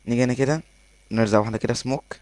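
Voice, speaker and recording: A man with an Egyptian accent giving excitable gameplay commentary, laughing often and talking to himself as he plays. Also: mid-range voice, very fast. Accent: Egyptian Arabic. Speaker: gaming YouTuber.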